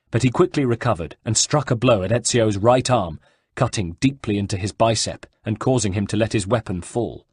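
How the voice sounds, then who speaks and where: A man narrating an audiobook in a steady storytelling delivery. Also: lowish voice, breathy edge, no room sound, studio quality. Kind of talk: scripted narration.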